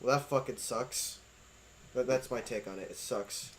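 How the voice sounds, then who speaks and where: A man's voice: mid-range voice, normal speed, a little hiss or hum. A man co-hosting a casual chat podcast, joking, sarcastic and swearing freely. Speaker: podcast co-host.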